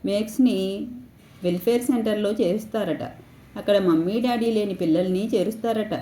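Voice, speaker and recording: A woman's voice: medium pitch, moderate pace, dark tone, lightly acted. A woman voicing a young grandson, clingy and anxious, sobbing and pleading as he talks to his grandmother. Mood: tearful. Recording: echoey room.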